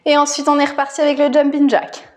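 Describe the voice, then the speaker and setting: A woman's voice: high-pitched, flat delivery, fast. A woman leading a home workout as fitness coach, energetically calling out exercises, counts and short encouraging commands.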